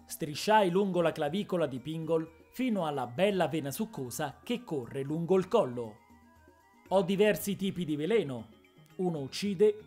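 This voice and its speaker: A woman narrating a fantasy story in a measured, expressive reading style. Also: deep voice. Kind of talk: dramatic audiobook narration.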